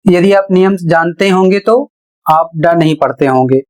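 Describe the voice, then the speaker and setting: A man's voice: on the high side, a little mellow. A man teaching English pronunciation, explaining rules step by step and spelling each example word out letter by letter. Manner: deliberate, spells words letter by letter. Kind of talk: classroom-style explanation.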